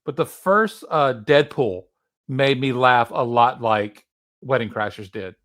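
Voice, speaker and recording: A man's voice: mid-range voice, measured pace, fairly bright tone. A man hosting a casual movie podcast, wry, reading reviews aloud to his co-hosts. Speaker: podcast host. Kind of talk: casual chat.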